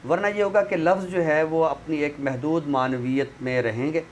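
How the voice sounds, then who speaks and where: A man with a Pakistani accent, a guest expert and literary commentator on a talk show, explains language and literature in a didactic way using examples. His voice sits on the high side, with fairly even intonation and a moderate pace. Background noise is clear in the recording.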